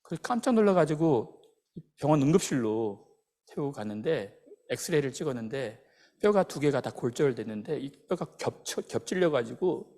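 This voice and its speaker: Animated male pastor in a reverberant church. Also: mid-range voice, moderate pace. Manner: animated storytelling, acting out quoted voices. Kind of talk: sermon. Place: church sanctuary. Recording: long hall reverb.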